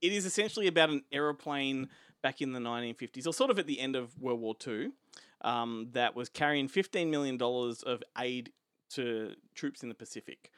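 An Australian man chats about a film he loves and laughs often as he tells its story. His voice sits at an ordinary middle pitch. It sounds close and dry, with no room echo. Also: expressive, a little fast, fairly bright tone, clean tone. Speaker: podcast co-host. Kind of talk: casual chat.

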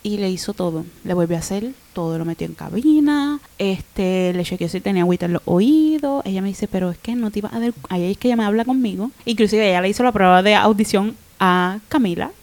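A young adult woman, a podcast guest telling an emotional personal story in an animated way. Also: medium pitch, quick pace, few pauses. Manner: animated, acts out quoted voices.

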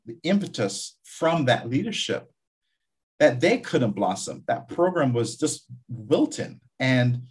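There's a breathy edge to this man's medium-pitched voice. He's a vice president at a community college, originally from Guyana, reflecting in an interview and restarting himself often.

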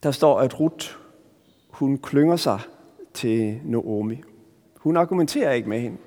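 A Danish man preaching a sermon as pastor, earnest and searching, often restarting phrases and pausing for emphasis. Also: medium pitch, expressive, dark tone. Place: church. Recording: long church reverb.

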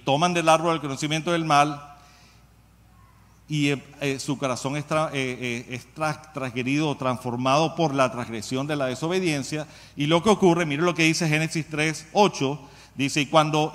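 Conversational preacher in a reverberant hall. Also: male voice, on the high side, a bit bright. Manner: conversational, asks the congregation questions. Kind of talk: sermon.

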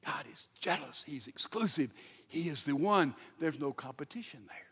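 A male pastor preaching a sermon, emphatic, with sudden loud bursts and repeated rhetorical questions. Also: on the high side, expressive, normal speed, long reverb tail, slight background noise.

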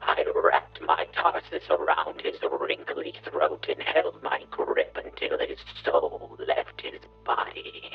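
A cruel, self-important bug mastermind narrates his schemes in a slow, pompous drawl. His voice sits high and leaps all over the place, rough with gravel and rasp. The dull, lo-fi recording gives it an old, muffled edge. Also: exaggerated voice. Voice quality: gravelly, raspy. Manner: pompous, theatrical journal narration. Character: scheming male insect villain, grandiose and cruel. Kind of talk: dark comedy audio story.

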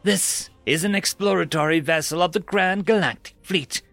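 A man's voice: high voice, moderate pace, creaky, a bit bright, dry recording, faint music behind, pitched above the performer's own voice. A man voicing a stern, commanding female starship captain.

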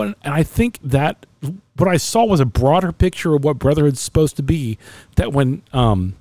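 Earnest middle-aged man, mellow voice. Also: fairly high pitch, no room sound. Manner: earnest, emotional storytelling with many restarts. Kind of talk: casual conversation.

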